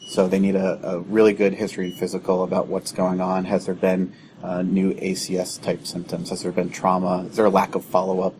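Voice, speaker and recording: A man, an emergency physician, explaining clinical management in a measured, teaching way on a podcast. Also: deep voice, monotone, a little mellow, slight background noise, rough recording.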